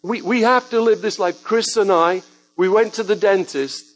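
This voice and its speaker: A man's voice: sits high, moderate pace, poor audio. A man preaching a sermon to a church congregation, telling stories with joking asides. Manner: lively storytelling with joking asides.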